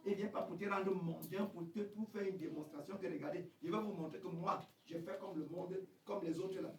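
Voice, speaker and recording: Pastor guy preaching, high voice, yells then goes quiet, echoey church, bit of hiss. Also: steady tone, a little fast, recorded from a distance. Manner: preaching with shouted high peaks and quiet questioning drops. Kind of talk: French-language revival sermon. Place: church hall. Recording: echoey church sound, from off the mic, faint noise.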